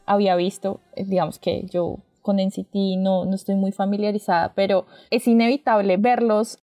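A woman's voice: medium pitch, level tone, moderate pace, warm tone, soft background music. A woman in a casual chat, curious and asking questions as a newcomer.

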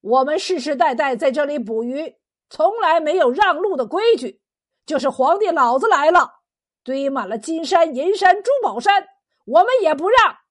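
A defiant fisherman leader, voiced by a woman telling a folk tale, calls out loud and proud. His voice rings high and bright with scorn. He sounds like a storybook hero who bows to no one. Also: lively intonation, moderate pace.

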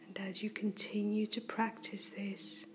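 Slow whispering woman guiding a meditation. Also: mid-range voice, little pitch movement, faint music behind. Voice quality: soft whispered delivery. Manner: slow, gentle and soothing. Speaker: meditation guide. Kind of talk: guided breathing meditation.

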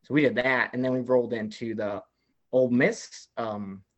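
A man's voice: mid-range voice, normal speed, muffled recording. A man guest on a casual talk show, telling a long story full of "like" fillers. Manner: rambling, many "like" fillers, animated retelling. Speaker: podcast guest.

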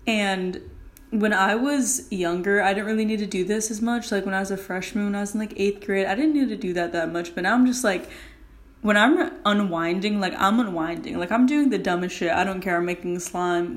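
A young adult woman chats casually into her solo podcast from a bathroom. Her delivery is informal and rambling, at a middle pitch, with "like" sprinkled throughout. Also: brisk. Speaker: podcast host.

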